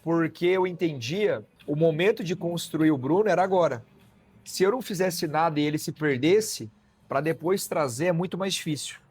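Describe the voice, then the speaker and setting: Husky-voiced man telling a story. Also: fairly high pitch, normal speed, darkish tone. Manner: storytelling, acts out quoted dialogue, frequent "né?" tags. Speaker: guest physician. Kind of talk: personal testimony in a conversation.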